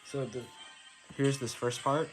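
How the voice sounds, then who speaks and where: A man's voice: medium pitch, steady tone, measured pace. A young man casually explaining how to play a rhythm game chart, counting out note timings aloud and swearing in passing as he restarts his sentences. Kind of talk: casual tutorial commentary. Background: rhythm game music.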